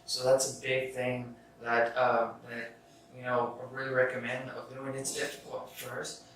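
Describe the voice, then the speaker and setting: Recorded at a distance in an echoey room with faint noise, this podcast host is a young man with a medium-pitched, slightly bright voice. He talks at a moderate pace in a monotone, meandering through self-help ideas with restarts and offhand swearing.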